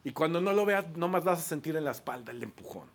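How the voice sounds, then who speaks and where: A man with a Mexican accent preaching a sermon, an animated storyteller who often repeats his words. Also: on the high side, fast talker, vocal fry. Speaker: pastor.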